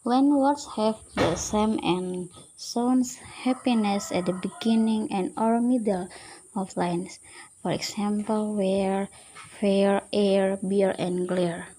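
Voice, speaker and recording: A woman giving a student class presentation, reading slowly and hesitantly from her notes with small fillers. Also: medium pitch, steady tone, mellow, a little hiss or hum, low-quality recording.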